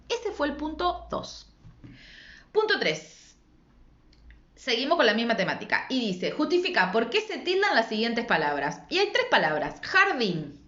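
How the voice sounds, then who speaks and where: A woman's voice: fairly high pitch, fairly bright tone. A woman teacher with an Argentine Spanish accent, explaining spelling rules in a patient, didactic way and checking in with rhetorical questions. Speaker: secondary school language teacher. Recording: echoey room, dull lo-fi sound.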